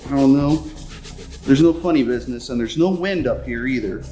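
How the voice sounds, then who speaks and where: A man's voice: medium pitch, brisk, warm tone. A man talking casually to camera as a paranormal investigator, rambling and self-deprecating. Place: stuffy indoor upper room.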